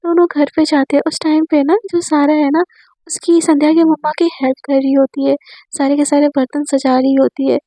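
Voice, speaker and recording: A woman's voice: sits high, little pitch movement, brisk, mellow, no room sound. A woman retelling a romance story in a casual, chatty way, full of fillers. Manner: chatty, many fillers, voices characters' lines in her own voice.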